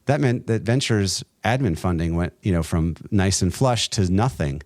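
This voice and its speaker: Deep-voiced man telling a faith story. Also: animated, darkish tone, no echo, studio quality. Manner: earnest, halting, many restarts, laughs between lines. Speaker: guest, entrepreneur and nonprofit co-founder. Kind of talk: casual interview storytelling.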